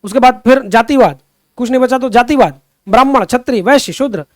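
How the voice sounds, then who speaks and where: A young man with a strikingly high voice runs an online Hindi grammar class. He keeps coaxing his students for answers, repeating each question and calling them friends. The sound is close and dry, with almost no room around it. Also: fairly quick, dry recording. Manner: digresses into impassioned social commentary. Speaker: Hindi teacher. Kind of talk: online exam-prep class.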